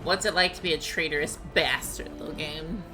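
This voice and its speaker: A woman giving casual, animated let's play commentary, talking to the game and her viewers. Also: low voice, a little fast, music in the background, poor audio. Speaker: game streamer.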